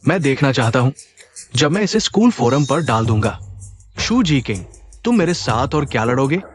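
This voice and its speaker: A man's voice: medium pitch, sing-song, moderate pace, lightly acted. A boastful young male bully, voiced by an actor, with a scheming, swaggering way of talking. His voice rises and falls widely, with faint music under the dubbed drama.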